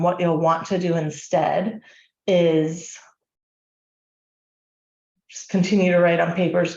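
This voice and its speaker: A woman teaching an online course in a fairly low voice, chatty and loose, with plenty of ums and questions put to her audience. Her sound is roomy and echoing. It is also a bit muffled and dull. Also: vocal fry, a little mellow. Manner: conversational, frequent ums, rhetorical questions. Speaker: course instructor.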